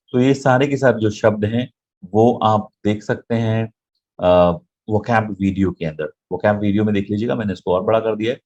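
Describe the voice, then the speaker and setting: A man's voice: on the low side, a little mellow, dull audio. A man teaching an online English grammar lesson, explaining in Hindi mixed with English and often checking "right?" with his viewers.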